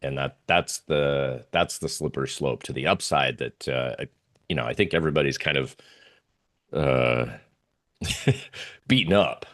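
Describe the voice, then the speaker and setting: A man's voice: rumbling low, measured pace, pauses often, fairly bright tone. A man giving a casual, hesitant presentation as a guest trader, thinking aloud as he talks through charts. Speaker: interview guest, oil trader.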